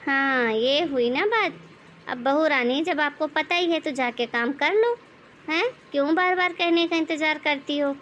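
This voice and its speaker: A domineering mother-in-law barks orders and mocks her daughter-in-law in a high, sharp-edged tone, as a woman voices her. Her sarcasm never lets up as she commands and taunts for an animated moral story. A faint hum of room noise sits behind her. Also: a little slow, muffled recording. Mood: smug. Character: bossy middle-aged mother-in-law, scolding and mocking.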